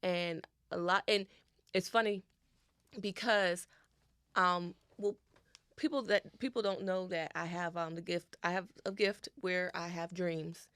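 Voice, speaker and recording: Animated woman podcast co-host. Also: lowish voice, a little slow, clean tone, no room sound. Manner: animated storytelling, repeats phrases, spiritual talk. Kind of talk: casual podcast chat.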